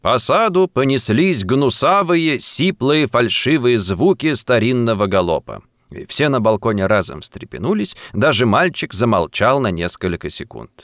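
A man's voice: mid-range voice, sing-song, normal speed, fairly bright tone, no echo, clean studio sound. A man narrating a literary story as an audiobook, reading expressively and dramatically.

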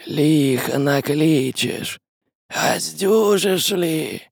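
A man's voice: on the high side, lively intonation, gravelly, husky, dry recording, studio quality, pitched above the performer's own voice, heavily acted. A man doing a hissing shadow spirit. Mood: menacing. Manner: slow hushed hissing.

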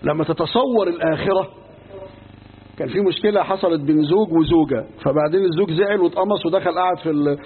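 A man's voice: a little high, quick pace. A man with an Egyptian accent teaching a religious lesson, telling stories with everyday asides and acting out the dialogue. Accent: Egyptian Arabic. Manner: lively storyteller, acts out dialogues in everyday speech. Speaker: Islamic preacher teaching a lesson. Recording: tinny lo-fi recording with faint hiss.

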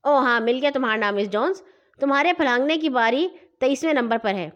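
A woman voicing a jolly man who judges a horse show, hearty and brisk, in a storybook. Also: high-pitched, animated, a bit bright, muffled recording.

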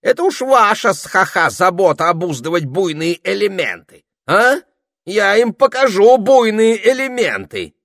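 A man's voice: high-pitched, big pitch swings, normal speed, creaky, a bit bright, no room sound, studio quality, pitched above the performer's own voice, full character voice. Man voicing a bossy, fussy magic parrot. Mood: indignant. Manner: theatrical, indignant outbursts. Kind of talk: audiobook character voice.

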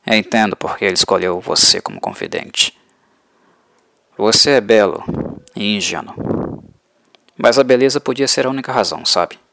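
A man voicing a soft, scornful vampire. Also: lowish voice, big pitch swings, vocal fry, full character voice. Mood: cold, mocking. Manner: slow, soft, mocking. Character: pale ageless male vampire, soft-spoken and scornful.

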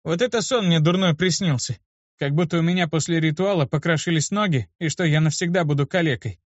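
A man voicing a hot-tempered young male apprentice with a hoarse voice, in a dull, dry lo-fi recording. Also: on the high side, a little fast, no echo, pitched above the performer's own voice, close to an everyday voice. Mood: relieved. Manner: excitable, snappy.

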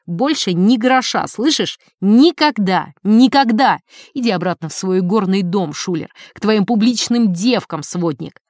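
A woman reading as a furious rich wife who scolds her husband in a shrill, scolding voice. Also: animated, normal speed, darkish tone, no echo, studio quality, natural voice. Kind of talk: audiobook character reading.

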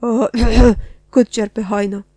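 A woman's voice: medium pitch, steady tone, warm tone, no room sound, lightly acted. A woman voicing a ragged old male junk dealer who groans and wails in a rising and falling singsong. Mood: shouting.

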